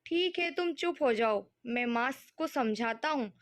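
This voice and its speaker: Woman doing a gentle middle-aged man, patient son, soothing, tender, high voice. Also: animated, a little slow. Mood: calming.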